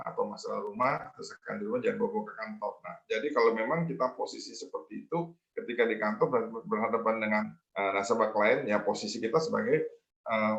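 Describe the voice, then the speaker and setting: A man's voice: on the low side, fairly bright tone, echoey room. A man, a debt collection manager, tells a work story in a webinar with many fillers and repetitions. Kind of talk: guest speaker telling a work story in a webinar. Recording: muffled video call audio.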